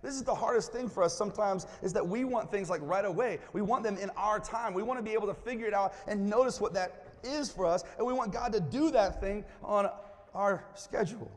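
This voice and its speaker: A man's voice: high-pitched, fairly quick. A man preaching a sermon in a church, reading scripture aloud and calling on the congregation to answer back. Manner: lively, calls on the congregation to respond. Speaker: pastor. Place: church hall. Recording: long hall reverb.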